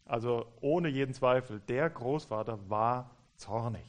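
A man interprets a sermon live, one phrase at a time. He matches the preacher's emphasis as he goes. His voice sits at a middle pitch. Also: a little slow. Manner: follows each phrase closely, mirroring the preacher's emphasis.

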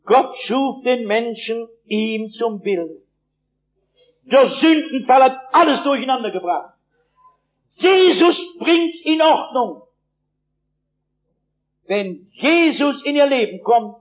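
A man's voice: extremely high pitch, animated, takes it slowly, pauses often, lo-fi sound. A male preacher delivering a sermon, telling stories vividly and emphatically with dry humor.

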